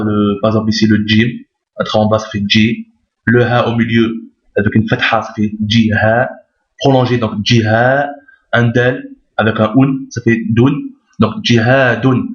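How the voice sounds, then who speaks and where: A man's voice: lowish voice, little pitch movement, normal speed. A man teaching Arabic reading step by step, patiently repeating each point and often checking that listeners follow. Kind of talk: step-by-step lesson explaining letters on screen. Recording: roomy, dull lo-fi recording.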